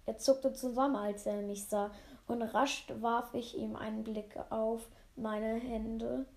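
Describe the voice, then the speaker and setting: A woman's voice: fairly high pitch, steady tone, takes it slowly, darkish tone. A woman reading a novel aloud in German as an unpolished amateur audiobook, often stumbling and re-reading phrases. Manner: unpolished, frequent slips and re-reads of phrases. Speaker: reader of a novel.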